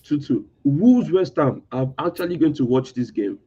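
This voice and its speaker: A man hosting a casual football chat in a tinny voice with no bass, hesitant and full of fillers and restarts. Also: lively intonation, moderate pace, warm tone, slightly rough. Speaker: podcast host. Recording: thin lo-fi audio lacking bass.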